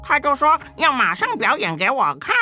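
A woman's voice: sits high, huge pitch swings, moderate pace, sharp tone, soft background music, voice pushed up, heavily acted. A woman with a Taiwanese Mandarin accent voicing a sooty, self-pitying female duck in an audio story, wailing and melodramatic. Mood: lamenting.

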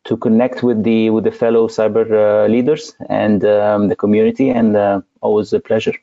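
A man from Egypt with a low, gravelly, dark-toned voice, answering as an interview guest. He speaks thoughtfully, pausing often and filling gaps. The audio sounds dull and lo-fi, like a remote call. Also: little pitch movement. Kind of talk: interview conversation.

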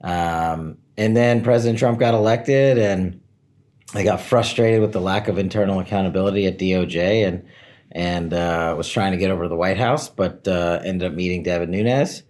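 A man in his forties with a deep voice recounts his own career story as an interview guest, speaking at a moderate pace. His tone is candid and relaxed, and he gently pokes fun at his own best-laid plans.

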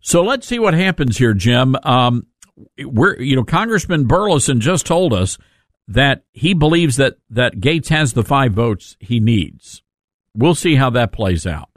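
Lively, dry-sounding male talk radio host. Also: mid-range voice, measured pace, no room sound. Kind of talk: live conservative talk radio commentary.

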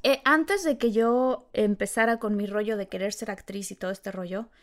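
A woman with a Mexican accent, an actress who tells personal stories in a casual, animated and self-reflective way. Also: medium pitch, normal speed. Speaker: actress sharing her experience. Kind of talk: casual conversation.

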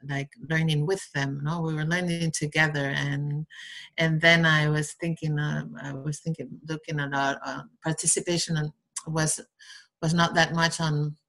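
Low-voiced woman with a Basque Spanish accent. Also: vocal fry, a bit bright, rough recording. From Basque Country, Spain. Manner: halting, rambling, tags phrases with "no?". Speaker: interview guest, entrepreneur. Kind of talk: casual conversational interview answers.

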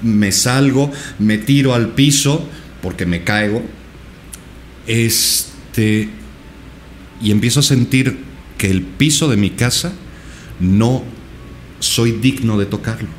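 A man's voice: medium pitch, takes it slowly, long pauses, slight background noise. A male podcast guest earnestly recounting a personal experience, with many repetitions. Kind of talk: personal storytelling in a podcast interview.

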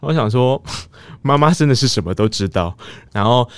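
A man in his thirties with a Taiwanese Mandarin accent, hosting a podcast and telling a story in a casual monologue, laughing and jumping up in pitch when excited. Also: moderate pace, smooth, dry recording. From Tainan, Taiwan. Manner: animated, laughing, jumps high when excited. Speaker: podcast host.

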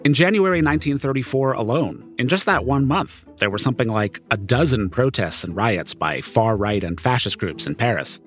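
Animated man narrating over music. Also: mid-range voice, normal speed, few pauses. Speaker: narrator and reporter. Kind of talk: conversational scripted podcast narration.

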